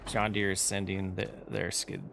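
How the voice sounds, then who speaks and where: Low-voiced man chatting while streaming. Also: completely flat delivery, normal speed, vocal fry, a bit bright. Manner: rambling, self-correcting, answers chat questions. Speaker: streamer playing a farming game. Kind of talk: casual live-stream chat while gaming. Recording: faint game vehicle noise behind.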